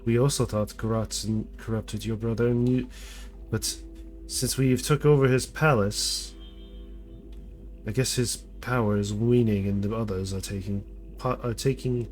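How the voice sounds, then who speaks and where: An aloof, regal serpent demon queen, played by a man in a tabletop role-play. The serpent voice is formal and calculating, a mother addressing her child from on high. Music plays behind it. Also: fairly even intonation, a little slow, close to an everyday voice. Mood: grave.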